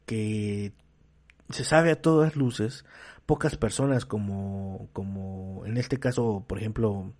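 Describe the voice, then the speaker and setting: Mexican man, unhurried delivery, salty slang, casual opinion rant. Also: medium pitch, a little mellow, slightly rough. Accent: Mexican Spanish. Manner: slangy and profane, many fillers. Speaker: commentator.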